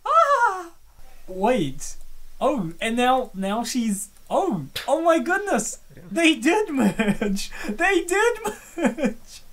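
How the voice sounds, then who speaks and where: A comic dub host offers casual, rambling commentary on a webcomic, reacting in a playful, excitable way. The voice sits high, and words are drawn out.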